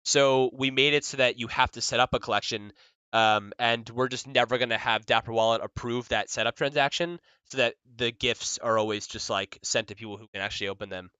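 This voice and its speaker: A man presenting his own work on a livestream, with a bright, ringing and very clear voice. His talk is chatty and full of fillers and restarts. He keeps mocking himself and laughing as he goes, recorded close and dry. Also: mid-range voice, fairly even intonation, fairly quick, dry recording, highs cut off. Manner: joking, self-mocking, laughs often. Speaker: developer presenting his project. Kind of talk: casual livestream demo.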